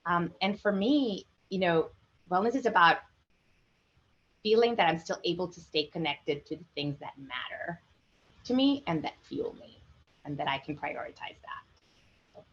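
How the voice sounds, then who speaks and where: A woman from Honduras speaking calmly and reflectively on a panel. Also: on the low side, a little slow, long pauses. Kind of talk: panel discussion. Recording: dull lo-fi audio.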